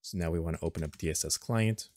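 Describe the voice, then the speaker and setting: Speaking low and quickly, a man narrates a step-by-step software walkthrough off the cuff, keeping his screen voice-over plain and instructional.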